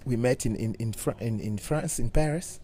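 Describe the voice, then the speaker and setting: A middle-aged man from Cameroon, a bassist talking casually in an interview with many halting restarts. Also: dark tone. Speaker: guest bassist.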